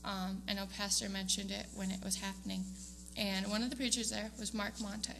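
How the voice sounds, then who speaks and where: A young woman's gravelly, mid-range voice stays fairly level and brisk as she gives a student award speech to her church congregation in the sanctuary. It's casual and hesitant, sprinkled with ums and small laughs, and the background is noisy.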